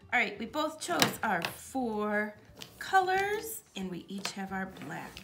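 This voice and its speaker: Female kids' art teacher, 30s, very lively exaggerated intonation, music behind her. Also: medium pitch, unhurried, gravelly. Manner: animated, exaggerated sing-song intonation. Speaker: children's art teacher, host. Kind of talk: upbeat art tutorial for children.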